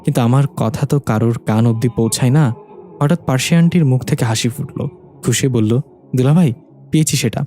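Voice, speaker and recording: Mellow-voiced man narrating a story. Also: medium pitch, a little fast, faint music behind. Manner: reads all parts, voicing women and men in his own voice.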